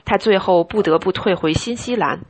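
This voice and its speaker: A woman's voice: medium pitch, moderate pace, a crowd in the background. A woman reading a voice-over translation of a sailor's spoken log.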